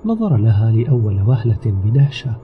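A man narrating an audio novel in a steady, measured storytelling manner. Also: on the low side, a little hiss or hum. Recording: slightly dull recording with background music. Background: soft music.

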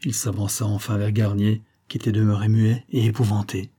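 A man narrates a classic novella in a measured, dramatic reading. His voice is low and dark, with a husky grain. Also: level tone. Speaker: audiobook reader.

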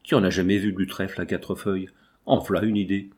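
A man's voice: low-pitched, flat delivery, fairly quick, darkish tone, slightly rough. A man voicing a brusque, sceptical old peasant washerwoman in a storybook reading, with a scolding, mocking manner. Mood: scoffing.

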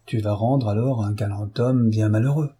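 A man reading the lines of an eager, caring married woman in a storybook, voicing her a little higher than his own voice. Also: normal speed, mellow, breathy edge.

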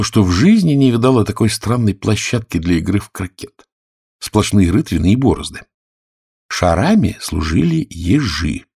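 A man's voice: lowish voice, gravelly, husky, no echo, studio quality. A man reading a fairy tale as an audiobook narrator, telling it expressively. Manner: expressive, lively storytelling. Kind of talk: scripted storybook narration.

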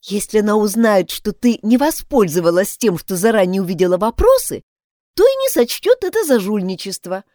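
A woman's voice: medium pitch, sing-song, normal speed, mellow, no echo, studio quality, pitched above the performer's own voice, natural voice. A woman reading aloud, voicing an honest, earnest schoolgirl who urges her twin to do the right thing, in a storybook reading. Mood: urging. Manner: reproachful, urging.

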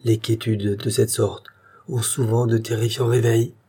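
A man narrating a literary short story in a measured storytelling manner. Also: medium pitch, level tone, mellow, breathy edge.

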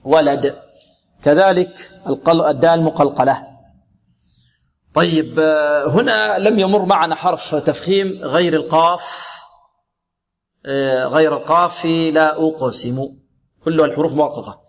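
A man teaching Quran recitation rules, patiently drilling each sound slowly and answering his own questions. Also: a little high, big-room sound. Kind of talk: tajweed lesson with recited examples.

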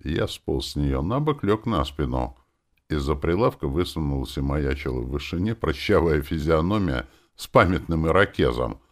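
Deep-voiced expressive male audiobook narrator. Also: normal speed. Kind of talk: first-person audiobook narration.

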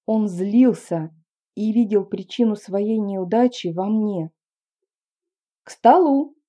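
A woman reading a first-person story in a calm, measured audiobook narration. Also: mid-range voice. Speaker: audiobook reader.

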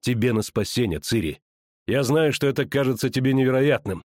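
A man voicing a calm young male knight who speaks softly and with steady resolve. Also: no echo, clean studio sound, natural voice. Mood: gentle. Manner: soft, measured, low delivery.

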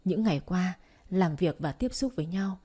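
A woman narrating an audiobook in a calm, steady reading voice. Her tone is low and mellow, with a soft, breathy edge. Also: normal speed.

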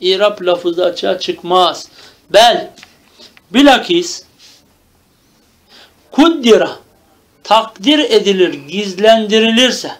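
A man's voice: high voice, lively intonation, takes it slowly, pauses often. A man teaching a classical grammar text, reading each Arabic phrase and then explaining it in Turkish, often checking with "tamam?". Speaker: religious teacher.

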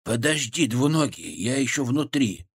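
A man voicing a cheeky, brash male chipmunk in an audiobook, his voice muffled, low and hushed. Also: very animated, moderate pace, breathy edge. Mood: impatient. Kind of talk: audiobook reading.

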